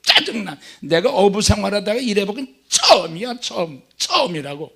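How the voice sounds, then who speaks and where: Man doing a whiny grumbling fisherman, high-pitched, gravelly, swooping up and down. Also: sing-song, moderate pace, pushed and bright, full character voice. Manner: whiny, complaining. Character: grumbling frustrated male fisherman Simon.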